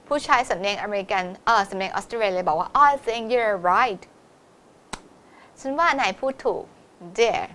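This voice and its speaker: A woman teaching a test-prep lesson, explaining in Thai and reading English exam lines slowly. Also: mid-range voice, fairly bright tone, slight background noise.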